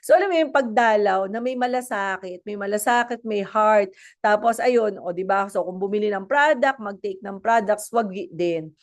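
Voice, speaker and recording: A woman's voice: mid-range voice, normal speed. A woman with a Filipino accent giving a chatty motivational talk as a network marketing speaker, mixing in English and asking the audience questions. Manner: chatty, mixes English and Tagalog, asks the audience.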